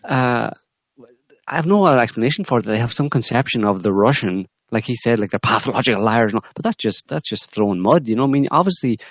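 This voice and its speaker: A man's voice: mid-range voice, expressive, fast talker, no room sound. A man co-hosting a political discussion, talking in a rambling, hesitant way with many restarts. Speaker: co-host. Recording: muffled dry audio.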